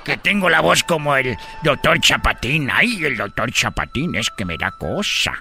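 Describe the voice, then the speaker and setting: A man voicing a joking Chinese character in a radio comedy sketch, breaking into sudden high shouts. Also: sing-song, normal speed, creaky.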